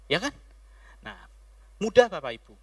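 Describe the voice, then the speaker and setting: A male pastor giving an animated sermon, swinging from loud calls to hushed words. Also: sits high, moderate pace, husky.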